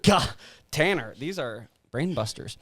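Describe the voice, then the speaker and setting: A man's voice: on the high side, expressive, measured pace, fairly bright tone, dry recording, clean studio sound. Hesitant, wry man in casual chat. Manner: hesitant, restarting, wry contrarian. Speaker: podcast co-host.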